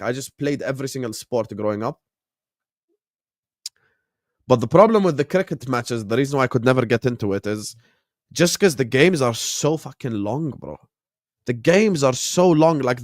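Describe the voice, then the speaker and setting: A young man hosting a live watchalong stream, talking loosely in a slangy, easygoing way and often chuckling. His voice sits at a middling pitch, and the room sounds dry and close with no echo. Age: late 20s. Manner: slangy and laid-back, chuckles often, answers viewers directly. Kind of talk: casual chat, reacting to a match and reading chat.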